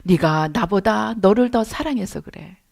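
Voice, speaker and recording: Calm fatherly God, soft and measured, as a woman preacher puts him on, voice pitched a little lower than hers. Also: clean tone. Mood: gentle rebuke.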